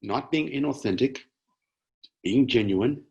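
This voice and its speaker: A man's voice: medium pitch, expressive, measured pace, vocal fry, darkish tone, lo-fi sound. A man from Zimbabwe presenting a webinar, answering audience questions over a video call with frequent hesitations and restarts. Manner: hesitant, many restarts and fillers.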